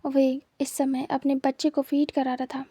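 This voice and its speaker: A woman's voice: high-pitched, monotone, normal speed, mellow, no room sound, clean studio sound. A woman with a Hindi accent narrating a fan fiction story, repeating herself for emphasis. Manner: repetitive, emphatic.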